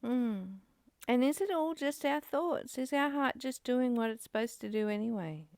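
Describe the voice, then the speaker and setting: A woman hosts an informal spiritual study session, teaching and discussing with earnest rhetorical questions. Her voice sits a little high with a darkish tone, expressive and at normal speed. The recording is studio quality with no room sound.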